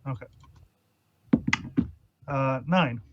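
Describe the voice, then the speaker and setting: A man playing a tabletop game, speaking hesitantly and pausing to think, on a muffled mic with faint background noise. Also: medium pitch. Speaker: player. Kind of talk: casual tabletop role-play.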